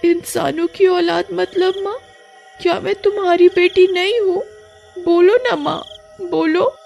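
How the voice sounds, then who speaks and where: Lady voicing a young cartoon girl, high and pleading, asks a lot. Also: measured pace, gravelly, darkish tone, soft background music, exaggerated voice. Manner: high, pleading, insistent questioning.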